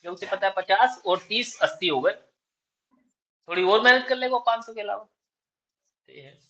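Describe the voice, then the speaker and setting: A man's voice: high voice, fairly bright tone, dull audio. A man teaching chemistry, lecturing his class and dictating answers to write down. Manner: switches between rapid chat and slow word-by-word dictation.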